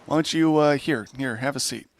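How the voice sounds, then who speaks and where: A man voicing a cheery, chubby male innkeeper who welcomes guests warmly. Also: medium pitch, moderate pace, lightly acted. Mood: welcoming. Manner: welcoming, chatty.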